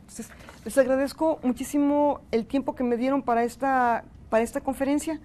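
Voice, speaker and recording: A woman's voice: high voice, fairly even intonation, fairly quick, dark tone, a little hiss or hum. A woman with a Mexican accent giving a university lecture and thanking participants earnestly. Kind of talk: university lecture with audience feedback.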